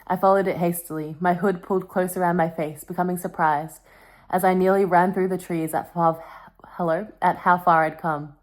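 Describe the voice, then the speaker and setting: A young woman vlogs in a casual, confessional style, reading from a book dramatically with a melodramatic, wry, self-mocking touch. Her voice is fairly low and steady, at a normal speed.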